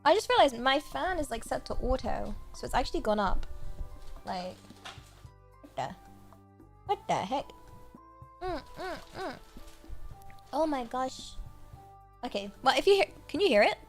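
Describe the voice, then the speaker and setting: Music plays as this British livestream host, a VTuber, reads out supporters and thanks them playfully in a cute anime-streamer manner. Her high voice swings widely in pitch, and she speaks unhurriedly with long pauses.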